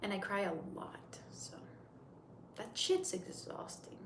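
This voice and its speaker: In a slow, sing-song whisper, a woman with a mid-range voice answers her viewers. She's a 30-year-old from Turkey whose native language is Turkish, hosting a casual English livestream and rambling chattily in an echoey room with faint noise.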